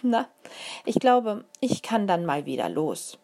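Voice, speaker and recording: A woman voicing a gentle mother who explains things to her small daughter in a lively, patient way. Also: mid-range voice, slow, heavily acted. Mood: cheerful. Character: warm, careful mother of a small girl.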